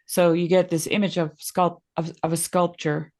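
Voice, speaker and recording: Animated woman with a lowish voice. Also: moderate pace. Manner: animated, eager to connect ideas. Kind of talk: casual philosophical discussion.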